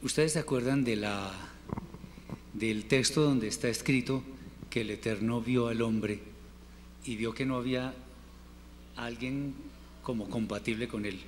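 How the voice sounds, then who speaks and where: A man teaching a Hebrew class, patiently drilling word forms and repeating them slowly for his students. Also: mid-range voice. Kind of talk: classroom lesson. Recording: reverberant room with faint noise.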